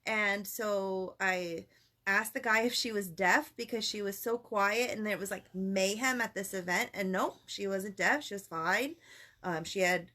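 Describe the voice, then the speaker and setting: A woman co-hosting a casual live-stream chat, telling stories in a gushing, animated way. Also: mid-range voice, a little slow. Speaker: co-host.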